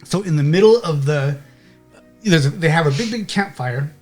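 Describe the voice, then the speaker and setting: Guy running a tabletop game, kinda high voice, rambly, keeps saying okay. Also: expressive, moderate pace, darkish tone, soft background music. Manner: rambling, with many restarts and "okay?" checks. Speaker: game master.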